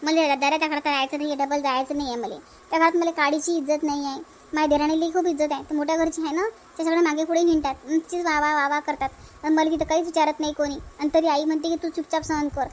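A woman's voice: high-pitched, flat delivery, fast, close to an everyday voice. A woman voicing a defiant young married woman in a cartoon dub, with a Varhadi Marathi accent and an aggrieved, insistent way of speaking. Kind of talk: cartoon dubbing.

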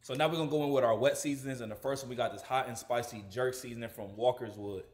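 A fast-talking young man, a fitness vlogger, cooks in a large home kitchen and chats to camera in a laid-back, slangy manner. His medium-pitched voice is darkish, with fairly even intonation. Sound bounces around the echoey kitchen.

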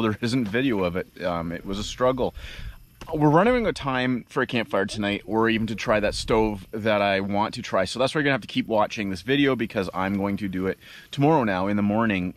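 A man in his thirties making a casual camping vlog, chatting to the camera with lots of ums and uhs, outdoors beside a cornfield. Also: lowish voice. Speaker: outdoor vlogger and dad. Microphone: handheld action camera at arm's length.

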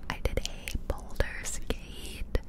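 A woman, an ASMR video host and gamer, whispers slowly in a soft, breathy voice into a close ear-to-ear ASMR microphone. She rambles casually, commenting on a game.

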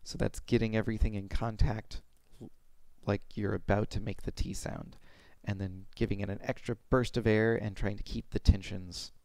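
A young adult man giving an informal, step-by-step pronunciation lesson in a halting way, speaking into a headset mic at home. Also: lowish voice, flat delivery, gravelly, darkish tone, no echo. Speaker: pronunciation teacher. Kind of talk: informal instructional explanation with demonstrated sounds. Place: small room at home.

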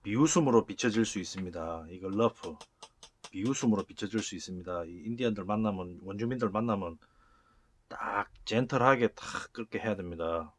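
A man giving a casual spoken lecture as a channel host, acting out rough retorts with sudden loud bursts. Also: on the low side, fairly quick. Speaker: channel host explaining word origins.

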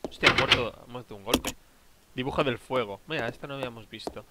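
A man talks through his game as a let's play host, cursing constantly and grumbling to himself. His voice sits at an ordinary mid pitch for a man. Loud background noise with clicking runs under the recording. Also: fast talker. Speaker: gaming channel host.

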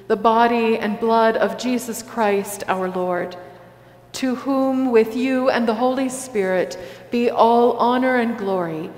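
Brief: woman pastor, slow measured liturgy, echoey church hall. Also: a little high. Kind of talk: liturgical prayer and communion liturgy. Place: large church sanctuary.

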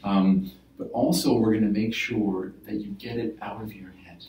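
Male therapist in a role-play demo, patient explainer, warm low tone, roomy room mic from afar. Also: steady tone, moderate pace. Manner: explaining gently with many "right?" and "like" fillers. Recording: roomy, from a distance.

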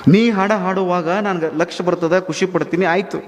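A man's voice: sits high, fairly even intonation, normal speed, natural voice. A man voicing an emperor who earnestly questions his court singer, in a reverberant hall. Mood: urgent questioning.

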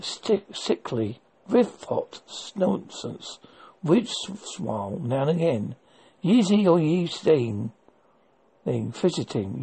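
Casting: husky, creaky speaker with a broad old West Country Devon accent, folksy, unhurried, halting word-list delivery. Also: mid-range voice, mellow, poor audio. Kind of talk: casual vlog, reading out a dialect word list with meanings.

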